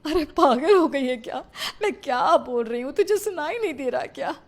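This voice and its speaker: A woman voicing a loud, complaining middle-aged mother-in-law in a cartoon, scolding and wailing at her daughter-in-law. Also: high voice, animated, moderate pace. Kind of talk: cartoon voice acting.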